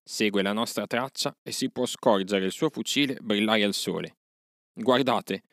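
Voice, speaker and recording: A man's voice: lowish voice, unhurried, a bit bright, no room sound, studio quality. A man voicing a proud young man-cub raised by wolves, giving urgent commands in an audiobook reading. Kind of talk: audiobook character voice.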